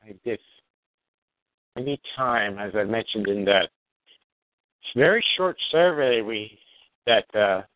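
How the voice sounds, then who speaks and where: Wry, sarcastic man, lower voice, dry tinny phone sound. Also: slow, pauses often, no echo. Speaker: call participant. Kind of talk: casual group call chat.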